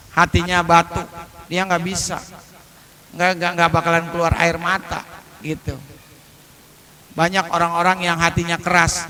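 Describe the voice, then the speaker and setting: A man's voice: high-pitched, sharp tone. A man preaching a humorous Islamic sermon, telling stories, quoting Arabic and asking the audience questions. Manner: storytelling, questions to the audience, mixes Arabic quotes. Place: mosque.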